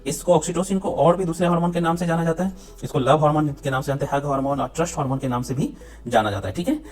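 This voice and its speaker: A man's voice: on the high side, very fast, darkish tone. A man teaching a biology lesson for exam students, mixing English terms into Hindi, repeating key points and checking in with the class. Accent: Hindi mixed with English terms. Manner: repeats points, ends phrases with frequent checks for understanding.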